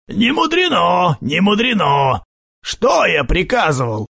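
Brief: a man playing a mocking storybook villain, high and gravelly, swinging wide in pitch. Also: very animated, slow, sharp tone, no room sound, studio quality, exaggerated voice. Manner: mocking, wheedling. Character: sly sugary-voiced adult male gang leader. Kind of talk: audiobook character voice.

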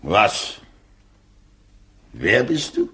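An actor playing a proud, stern prince-bishop with a gravelly, commanding voice in a 1960 radio play. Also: male voice, lowish voice, huge pitch swings, drawn-out words, pushed and bright, full character voice. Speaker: Fürstbischof Firmian.

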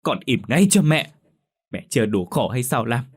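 A man's voice: on the low side, fast, breathy edge. A man voicing a poor, long-suffering mother who scolds and pleads in anguish.

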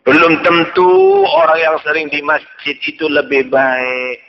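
A male preacher, telling stories in an animated sermon and acting out their characters. The recording is dull and lo-fi. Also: fairly high pitch, unhurried, echoey room. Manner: animated, acts out the people in his stories. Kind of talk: sermon storytelling.

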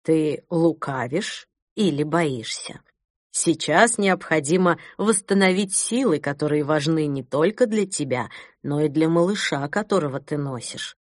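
A woman voicing an older male bishop who speaks in a quiet, insinuating, slow voice. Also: deep voice, lively intonation, dry recording, studio quality, voice pushed down. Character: soft-spoken sinister male bishop, older.

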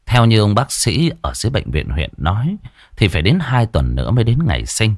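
A man narrating a scripted ghost story in a lively, expressive way. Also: on the low side, brisk, no echo, studio quality.

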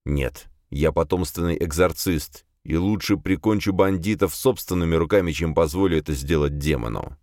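Deep-voiced man reading a fantasy audiobook. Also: normal speed, hardly any pauses, darkish tone, no room sound, studio quality. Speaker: narrator. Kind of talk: audiobook narration, first person.

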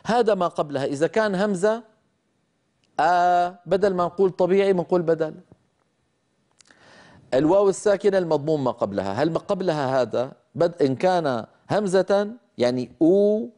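A man teaches Quran recitation in an earnest lecture, and his voice is warm and mellow. He repeats each rule and sounds the examples out slowly and carefully. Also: mid-range voice. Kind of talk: religious lecture on recitation rules.

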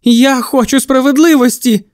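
Audiobook: a man as a frantic, grieving teen boy, pushed high, shouting and shaky. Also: moderate pace, no echo, studio quality. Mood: furious desperate. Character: distraught grieving teenage boy, desperate.

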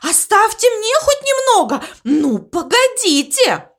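A woman's voice: very high-pitched, lively intonation, unhurried, fairly bright tone, pitched above the performer's own voice, full character voice. Woman voicing a shaky, timid little guinea pig boy. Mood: alarmed. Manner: shaky, pleading. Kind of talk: storybook reading.

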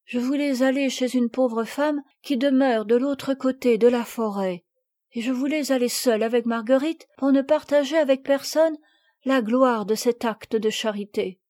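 A woman's voice: high-pitched, moderate pace, dark tone, lightly acted. A woman voicing an earnest, remorseful little girl in a storybook reading, speaking in a pleading way.

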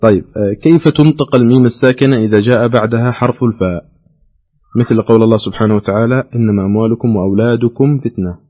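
A man's voice: mid-range voice, very fast, lo-fi sound. A man hosting a call-in Quran quiz show, explaining answers with frequent hesitation fillers.

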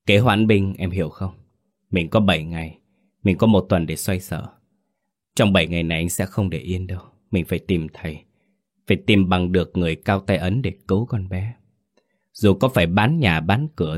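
A man's voice: low voice, normal speed. A man voicing a desperate father who pleads and insists in a horror story reading.

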